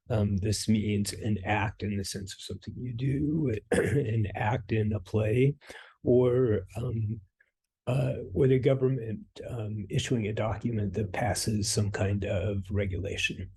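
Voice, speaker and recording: A man narrating a scripted language lesson with dry, deadpan humor. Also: on the low side, breathy edge. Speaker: language teacher.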